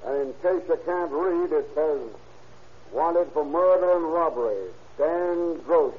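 A man's voice: fairly high pitch, measured pace, close to an everyday voice. Man playing curt sergeant on tinny radio. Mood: triumphant. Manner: curt, questioning. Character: sharp, sarcastic police desk sergeant. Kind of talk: 1930s radio acting. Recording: tinny, narrow 1930s radio recording.

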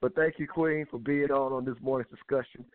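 A man's voice: medium pitch, steady tone, fairly quick. A man hosting a call-in talk show, introducing guests and rambling through restarted phrases. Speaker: show host. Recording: tinny phone line.

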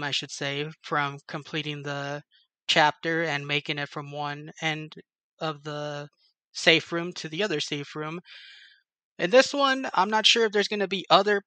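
A male show host with a sharp, somewhat high voice delivers a casual gaming news recap and interview on a dry recording. He's enthusiastic and informal, like someone sharing news with fans.

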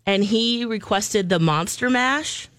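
A woman chatting casually as a co-host, with an animated, giggly manner. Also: mid-range voice, takes it slowly, dry recording. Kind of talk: casual chat.

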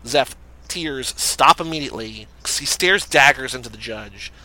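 A man hosting a casual movie podcast, running games and spinning quick, rambling, jokey predictions. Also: mid-range voice, sharp tone, low-quality recording. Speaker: podcast host. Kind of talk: casual chat.

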